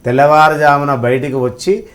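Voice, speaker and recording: A man's voice: a little high, fairly even intonation, moderate pace. A man telling devotional stories in conversation, emphatic, with rhetorical questions and acted-out quotes. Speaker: religious scholar guest.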